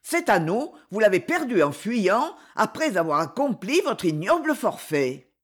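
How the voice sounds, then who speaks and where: A woman's voice: medium pitch, sing-song, measured pace. A reader voicing an agitated woman who accuses another in court with indignant outbursts. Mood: accusing.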